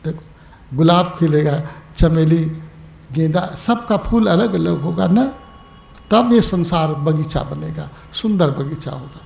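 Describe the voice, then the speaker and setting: A man with a high, gravelly voice delivers an evening spiritual discourse, calling his listeners "my dear" and "my brother". He moves between rising exhortation and soft, unhurried asides. The sound rings with the echo of a hall. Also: expressive, a little hiss or hum. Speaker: spiritual teacher.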